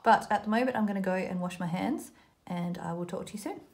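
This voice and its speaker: Her mid-range voice is fast, gravelly, and a little mellow: an Australian woman hosting a children's craft video. She runs a laid-back tutorial, talking informally and self-deprecatingly while thinking aloud as she works.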